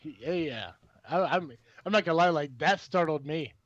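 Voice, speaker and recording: A man hosting a casual podcast, talking excitedly and rambling with many restarts and fillers. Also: fairly high pitch, normal speed, no room sound, muffled recording. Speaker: podcast host.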